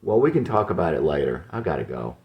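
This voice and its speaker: A man's voice: very deep voice, sing-song, fast, muffled recording. A man voicing an evasive young woman who answers in short, dismissive replies. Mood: curt.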